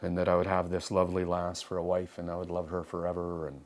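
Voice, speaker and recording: A man's voice: low voice, completely flat delivery, fast. A man telling personal reflections like a storyteller, in a lyrical, musing and earnest way. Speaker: harp player. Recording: music under the voice. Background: music.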